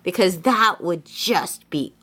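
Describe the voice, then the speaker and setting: Woman, podcast co-host, fairly low voice, tells scenes with animation in casual chat. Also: slow, a bit bright.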